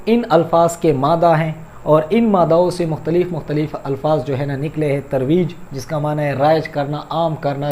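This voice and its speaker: A man lectures like a patient Urdu teacher, naming each word, giving its meaning and correcting how it is said. His voice sits slightly high, and there is a faint hiss in the background. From Pakistan. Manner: explanatory, repeats words to correct pronunciation; addresses listeners as "janab". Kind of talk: lecture on vocabulary and grammar.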